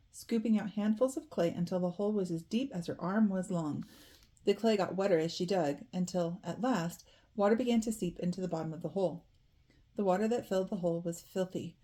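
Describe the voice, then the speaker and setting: A woman reading a children's novel aloud in a calm, measured storytelling manner. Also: lowish voice. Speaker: audiobook reader.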